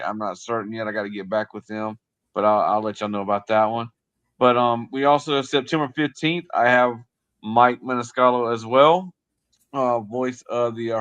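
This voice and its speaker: A man co-hosting a sports livestream, who also works as an interviewer, chats casually and unscripted in a rambling, hesitant manner. His voice is medium-pitched and a bit bright, and the audio sounds dull.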